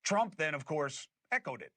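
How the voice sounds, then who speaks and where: A man hosting a podcast, giving emphatic, animated political commentary. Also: fairly high pitch, normal speed. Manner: emphatic and animated, with scornful laughs. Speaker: podcast host.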